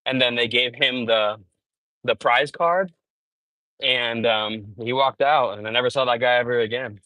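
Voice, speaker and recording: A man's voice: medium pitch, measured pace, no room sound, poor audio. A man chatting casually on a live stream while walking on a treadmill, telling stories full of "bro" and "dude". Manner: animated storytelling, peppered with "bro" and "dude". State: sweating from exercise.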